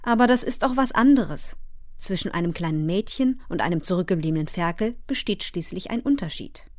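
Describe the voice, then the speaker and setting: A woman reading aloud and voicing a farmer father who speaks softly and calmly. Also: fairly low pitch, fairly quick, dry recording, studio quality, lightly acted. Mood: gentle. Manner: soft and calm. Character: gentle, patient farmer father.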